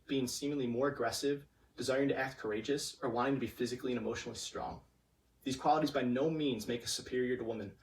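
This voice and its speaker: A young man giving a prepared persuasive competition speech in a stiff, formal, memorized delivery. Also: medium pitch. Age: young adult. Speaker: student competition speaker. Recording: distant microphone.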